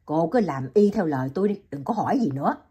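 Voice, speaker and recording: A woman's voice: lowish voice, animated, quick pace, dark tone, breathy edge. A woman voicing a stern young male doctor in an audiobook, giving firm, clipped orders. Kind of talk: audiobook reading.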